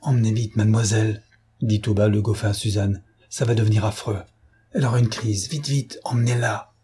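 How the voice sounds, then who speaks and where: A man's voice: fairly low pitch, fairly even intonation, a little fast, warm tone, husky. A man voicing a burly male master gunner who bellows threats in a menacing tone. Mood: urgent aside. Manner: thundering, menacing.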